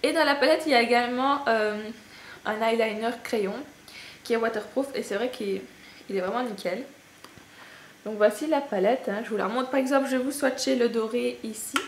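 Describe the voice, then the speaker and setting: A woman's voice: on the high side, brisk. Chatty young Belgian woman, echoey room. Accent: Belgian French. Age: young adult. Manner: chatty and gushing, with frequent fillers and self-mocking laughs. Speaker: beauty vlogger. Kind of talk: casual haul video chat. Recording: echoey room with faint ambient noise.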